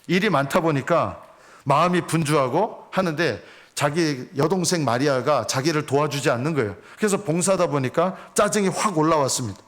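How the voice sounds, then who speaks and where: Brief: male pastor, earnest sermon, slightly high voice, rhetorical questions. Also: fairly quick, fairly bright tone.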